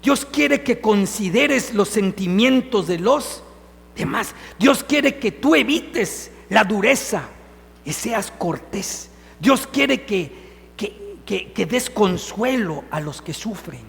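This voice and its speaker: Man, priest, earnest homily, unhurried, long reverb in a church. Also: high-pitched, animated, creaky, fairly bright tone. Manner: earnest, asks the listeners direct questions. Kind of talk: Sunday homily.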